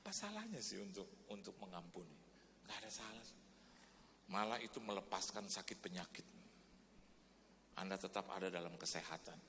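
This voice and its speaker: A man preaching as a pastor, telling a story in animated sermon style and then leading a prayer. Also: low voice, moderate pace, pauses often. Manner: animated storytelling, shouting greetings in quoted voices. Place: large church hall. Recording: reverberant church hall, faint noise.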